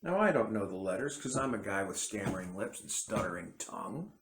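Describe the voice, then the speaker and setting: In an echoey room with background noise, a man talks fairly low and brisk, with a sing-song lilt. He's an independent Bible teacher and native English speaker rambling through a casual commentary to camera, repeatedly cutting himself off and beginning again.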